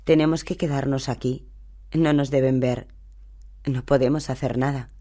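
An anxious, clever teenage schoolgirl, as a man reading a storybook aloud puts her on. She speaks urgently and presses her point, her voice a touch mellow and dark. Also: mid-range voice, fairly even intonation, moderate pace, natural voice. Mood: insistent. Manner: urgent, insistent.

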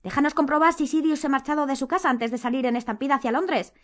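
Woman doing a worried know-it-all teen girl, high voice, urgent and pushy. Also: fast talker, lightly acted. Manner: urgent, pleading, organizing. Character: anxious, bossy clever teenage girl.

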